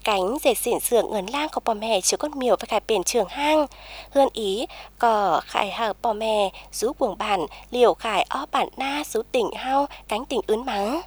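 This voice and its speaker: A woman reading a scripted news report in an even, formal manner. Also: fairly high pitch, moderate pace, husky.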